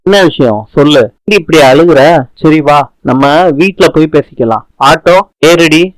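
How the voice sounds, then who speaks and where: Protective older sister scolding her sibling, read by a man, quick sharp questions, dry sound. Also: on the high side, expressive, no room sound, natural voice, poor audio.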